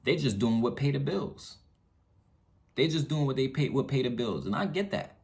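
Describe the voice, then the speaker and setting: This vlogger's voice is mid-range, gravelly and darkish, animated and at a moderate pace. He vents to his viewers earnestly and casually, uses slang, repeats phrases to stress them, and often checks in with his audience.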